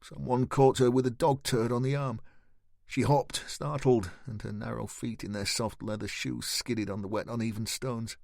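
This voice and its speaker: Brief: male audiobook narrator, gravelly texture, dry close recording, measured pacing. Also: medium pitch, steady tone, a little mellow, no room sound.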